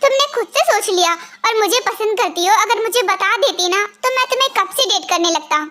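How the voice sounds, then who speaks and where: A woman voicing a caring young husband, very high. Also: lively intonation, fairly quick, full character voice. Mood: tender. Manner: gentle, soothing, teasing. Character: young man, caring new husband and father. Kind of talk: amateur Hindi fan dub.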